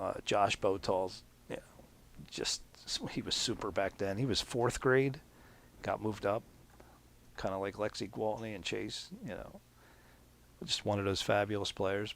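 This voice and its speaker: A gravelly-voiced man with a Pennsylvania accent, a podcast host and league announcer, tells a story casually. He rambles enthusiastically and acts out the people he quotes in a high voice.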